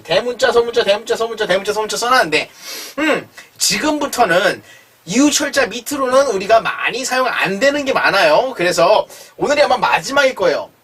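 A man teaching phonics in an online lesson, slowly spelling and sounding out words syllable by syllable. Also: sits high, sharp tone, husky, far from the mic.

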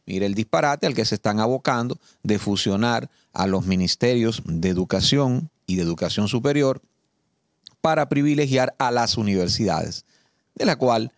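Dominican guy ranting about politics in a dry studio, emphatic, slows way down to read stuff out. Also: on the low side, lively intonation, no room sound. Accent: Dominican Spanish. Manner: indignant, emphatic, reads law text slowly and deliberately. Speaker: political commentator. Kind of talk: casual studio political talk. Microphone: studio mic.

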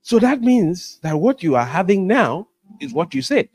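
A man's voice: high voice, sing-song, moderate pace, husky, faint music behind. A man in his thirties preaching an emphatic sermon into a handheld microphone, asking rhetorical questions and repeating phrases. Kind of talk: animated sermon with call-and-response questions to the congregation. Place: indoor church room, at a lectern.

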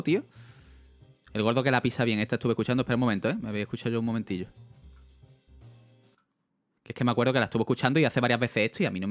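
A man's voice: mid-range voice, a bit bright. A young man with a Spanish accent chatting casually on a livestream, rambling with lots of fillers and talking straight to his chat. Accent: Spain. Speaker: streamer.

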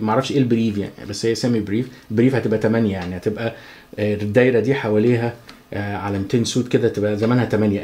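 A man with an Egyptian Arabic accent giving a chatty, joking guitar lesson, counting the beats out loud. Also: medium pitch. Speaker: guitar teacher. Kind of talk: casual spoken music lesson.

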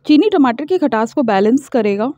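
Woman walking thru a recipe, high mellow voice, calm and steady, dry dull home recording. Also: moderate pace, no echo. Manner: calm, instructional, explains each step. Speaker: cooking channel host. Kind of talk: step-by-step cooking voice-over. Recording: dull lo-fi voice-over.

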